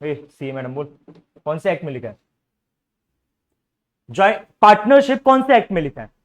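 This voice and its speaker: Teaching a commerce lecture, this young man speaks at a moderate pace in a slightly high, very animated voice. Again and again he quizzes the class and coaxes students to raise their doubts.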